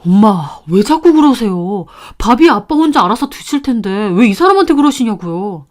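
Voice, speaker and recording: A woman voicing a tired husband who tries to calm his mother and his wife. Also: on the high side, normal speed. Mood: placating. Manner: placating, tired. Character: weary husband caught in the middle.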